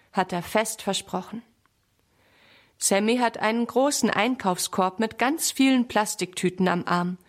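A woman calmly narrating a scripted children's story. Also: mid-range voice.

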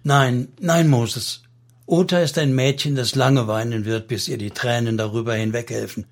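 A man voicing an earnest, devout young girl, speaking softly and reverently in an audiobook reading. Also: mid-range voice, steady tone, normal speed, natural voice.

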